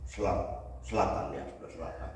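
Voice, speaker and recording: An older man preaching a sermon as pastor, telling a humorous story with animated delivery, recorded in a church hall from far off. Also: rumbling low, fairly quick, slight background noise.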